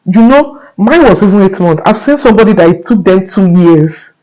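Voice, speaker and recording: A young man with a Nigerian accent speaks to camera in a fairly high voice. He talks earnestly and casually, tagging his points with "right?" and restarting his phrases as he goes. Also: animated, moderate pace, darkish tone, lo-fi sound. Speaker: vlogger.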